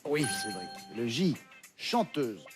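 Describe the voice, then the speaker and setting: A man hosting a television quiz show, reading clues briskly and confirming answers. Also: medium pitch, big pitch swings, faint music behind. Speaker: game show host. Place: television studio with audience.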